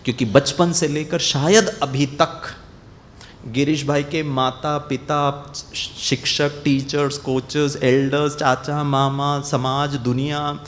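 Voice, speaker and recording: A motivational speaker with an Indian accent, a man whose voice sits a little high. He tells stories and acts out the scolding and quarrels in them. There is a faint rumble in the background. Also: slow. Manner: lively storytelling, acting out scolding and quarrels. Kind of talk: motivational talk to athletes.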